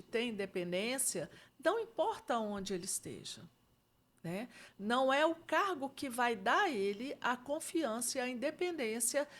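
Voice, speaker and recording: A middle-aged Brazilian woman speaking with a Brazilian Portuguese accent and a slightly high voice appears as a guest expert discussing leadership ideas. Her style is reflective and conversational, often dropping "né?" and "entendeu?".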